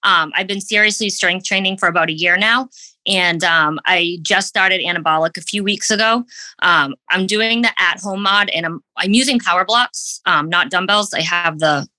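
A woman's voice: lowish voice, normal speed, pushed and bright, no echo, poor audio. A woman from Massachusetts calling in to a show, asking a question in a hesitant way with many ums. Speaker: caller to a fitness show.

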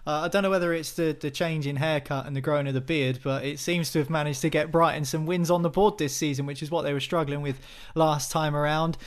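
A man's voice: a little high, fairly even intonation, fast talker. A man hosting a football podcast in a conversational presenting style. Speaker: podcast host.

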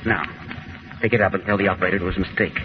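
An actor playing a menacing, smooth-talking fascist agent in 1940s radio style, deliberate and commanding. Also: male voice, deep voice, fairly even intonation, natural voice. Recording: dull old radio recording.

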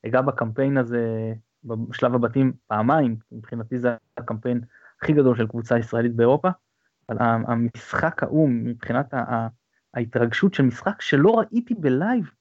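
A man chats on a podcast in an excited, rambling way, often stumbling and restarting his sentences. His voice sits at an everyday middle pitch. The sound is dry and a bit muffled, like a lo-fi home recording. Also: dry recording. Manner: excited storytelling with many restarts. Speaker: podcast co-host. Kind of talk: casual sports chat. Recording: dull lo-fi sound.

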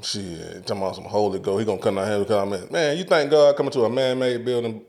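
A man's voice: lowish voice, quick pace, darkish tone. A man chatting casually with friends, blunt and slangy, swearing freely as he argues and jokes. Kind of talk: casual group chat, joking debate.

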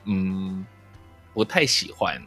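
A man's voice: low voice, animated, takes it slowly, pushed and bright, husky, soft background music. A man with a Taiwanese accent, hosting a casual conversational interview and dropping in the odd English word. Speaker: podcast host.

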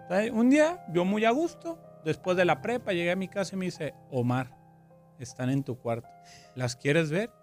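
A man with a Mexican accent telling stories in a casual chat, animated and quoting himself in lively asides. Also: sits high, normal speed, soft background music. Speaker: show co-host.

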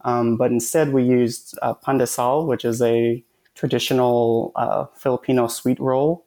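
A man who runs food pop-ups, answering interview questions hesitantly with many "um" and "uh" pauses. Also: medium pitch, fairly even intonation, mellow.

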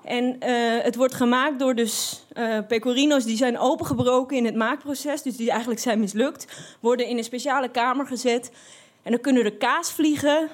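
A woman telling a personal anecdote in a lively, expressive way, with frequent fillers and restarts. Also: a little high. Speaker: storyteller.

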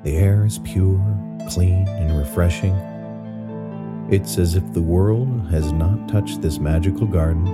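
Male sleep-story narrator for guided meditation, low and soothing, over prominent new-age guitar music. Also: unhurried.

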